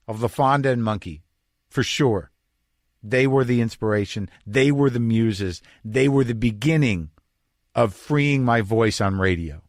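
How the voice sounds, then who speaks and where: A man's voice: mid-range voice, no room sound, studio quality. A middle-aged man hosting a podcast, telling a personal story in a rambling, confessional way. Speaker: podcast host. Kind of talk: casual monologue. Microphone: podcast microphone.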